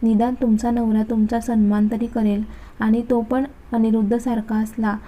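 Woman reading a gentle tearful young wife. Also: fairly high pitch, little pitch movement, normal speed, muffled recording, natural voice. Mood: sad.

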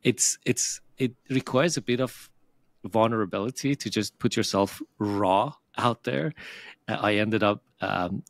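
Low-voiced host guy, kinda halting, lots of ums, dry close sound. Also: vocal fry, no echo. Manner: hesitant, halting, many fillers and restarts. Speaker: podcast host. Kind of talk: casual conversational interview.

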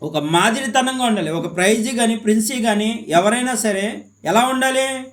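A man's voice: very high-pitched, moderate pace. A man preaching a sermon in a fervent way, repeating phrases and putting questions to his listeners.

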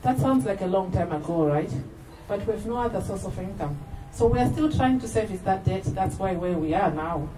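A woman's voice: medium pitch, expressive, a little fast. Woman from barbados talking to a crowd outside, echoey, far off, noisy street. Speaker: tour speaker. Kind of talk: outdoor speech to a crowd. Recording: echoey, distant outdoor recording with noise.

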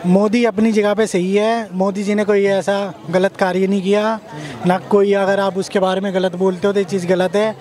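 A young man giving measured, earnest opinions in a street interview, speaking into a handheld mic outdoors on a busy plaza. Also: sits high, flat delivery, darkish tone. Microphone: handheld mic held by interviewer.

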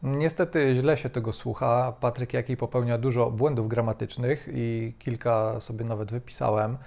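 A man hosting, critiquing spoken English in measured commentary with frequent hesitations. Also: medium pitch, fairly even intonation, creaky, darkish tone. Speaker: host. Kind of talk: language-coach commentary.

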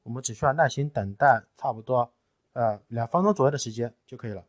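A man in a technical tutorial, explaining each step patiently and often pausing with fillers. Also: mid-range voice, no room sound. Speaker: tutorial presenter. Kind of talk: screen-recorded technical tutorial.

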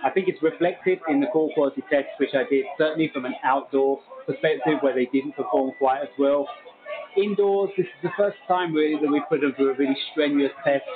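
A man's voice: on the high side, fairly quick, phone-quality sound. A man who reviews tech gear, talking casually and thinking aloud as he is heard through a bluetooth earbud mic on a call. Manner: chatty, thinking aloud, with small laughs. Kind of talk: casual product review talk. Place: busy coffee shop, indoors.

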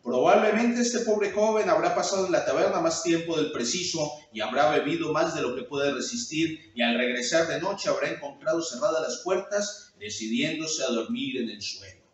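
A man's voice: on the high side, lively intonation, normal speed, hardly any pauses, highs cut off, natural voice. A man voicing a crowd of gossiping, mocking townsfolk while reading a tale aloud, in a chattering, teasing manner, recorded far off in a very echoey room.

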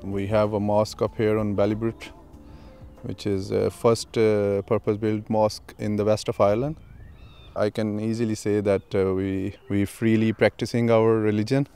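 A man from Pakistan speaking in a documentary interview, measured and a little hesitant. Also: lowish voice, flat delivery, warm tone, smooth, faint music behind. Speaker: member of a faith community.

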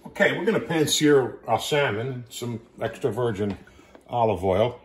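A middle-aged chef and cooking show host casually walks through a cooking demonstration step by step while working in his home kitchen. His mid-range voice is expressive, at normal speed. Sizzling pans and other kitchen sounds run in the background.

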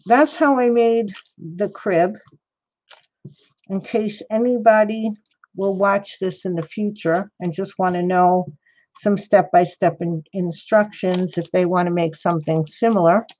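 A woman's voice: fairly low pitch, darkish tone. A woman chatting casually to her livestream viewers while she works on a craft project, rambling and answering chat by name. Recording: slightly dull lo-fi stream audio.

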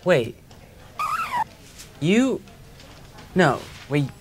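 A man's voice: a little high, big pitch swings, extremely slow, husky, heavily acted. An actor playing an uncomfortable, incredulous male office employee in sketch comedy, hesitant and protesting. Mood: outraged, incredulous.

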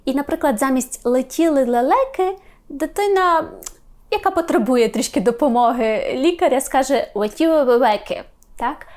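A woman teaching language pronunciation, patiently sounding out each letter slowly and often checking in with her listeners. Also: high-pitched, a little mellow. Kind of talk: explaining pronunciation to learners.

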